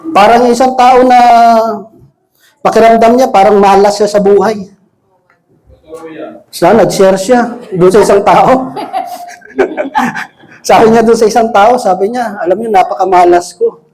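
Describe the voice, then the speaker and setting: A man preaching a casual sermon to a congregation, joking and often checking in with quick rhetorical questions. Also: high-pitched, fairly even intonation, a little mellow, slight background noise, low-quality recording. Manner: jokey, asks the congregation frequent rhetorical questions. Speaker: lay preacher. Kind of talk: conversational sermon. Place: church service with a congregation.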